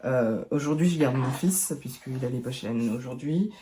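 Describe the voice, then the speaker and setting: A woman beauty vlogger, hoarse from a sore throat, chatting casually to camera at home with lots of hesitations. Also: rumbling low, a little fast, warm tone, slight background noise. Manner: chatty, rambling, many hesitations. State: hoarse from laryngitis. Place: at home indoors.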